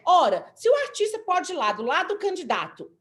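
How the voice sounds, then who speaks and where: A woman lawyer with a Brazilian accent, speaking as a guest on a panel and explaining with animated, acted-out examples. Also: very high voice, a little fast. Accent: Brazilian Portuguese. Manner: animated, explanatory, acts out quotes. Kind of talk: panel discussion.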